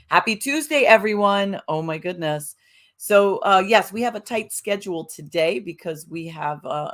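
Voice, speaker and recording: A middle-aged woman hosting a live-streamed self-help show, talking casually and bubbly to viewers, greeting them by name and rambling with fillers. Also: fairly low pitch.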